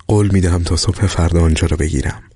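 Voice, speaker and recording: Man voicing a young soldier, determined, quiet, low husky voice. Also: dry recording, studio quality. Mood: resolute. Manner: calm, resolute, speaks quietly.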